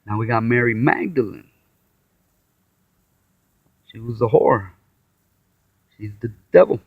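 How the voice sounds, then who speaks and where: A man's voice: mid-range voice, slow, slightly rough, dry recording. A tired man giving a casual, rambling talk on the Bible, sighing, restarting and acting out quotes as he goes. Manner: meandering, with sighs, restarts and acted-out quotes. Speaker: self-taught Bible commentator. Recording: dull, muffled lo-fi audio.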